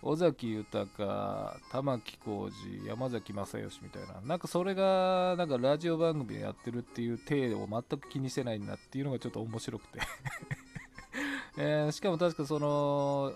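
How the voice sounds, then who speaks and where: Gravelly man chatting over soft music. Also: mid-range voice, big pitch swings, measured pace. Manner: chatty, rambling, laughs to himself. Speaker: podcast host. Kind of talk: solo talk radio looking back.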